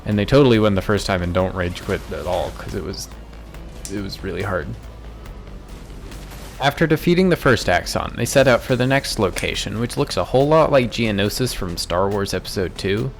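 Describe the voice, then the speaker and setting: A man's voice: on the low side, lively intonation, moderate pace, faint music behind. A man giving a casual, joking recap of a video game's story, rambling into offhand asides. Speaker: gaming YouTuber.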